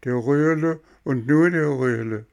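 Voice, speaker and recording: A man's voice: measured pace, vocal fry, a little mellow. A man voicing a frightened boy puppet who is turning into a donkey, whiny and pleading. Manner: whiny and pleading, voice raised high.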